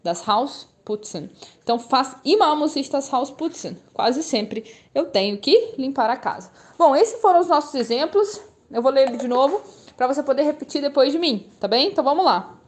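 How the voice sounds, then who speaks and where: A woman's voice: high voice, expressive, moderate pace. A young woman teaching German, speaking patiently and repeating phrases for learners. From Brazil. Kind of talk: language lesson.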